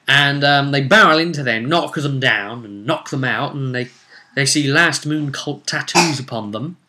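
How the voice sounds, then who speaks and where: Here a game master who also presents the series recaps a fantasy tabletop session. His medium-pitched voice is bright and forceful, and his telling is casual but dramatic, dotted with wry asides.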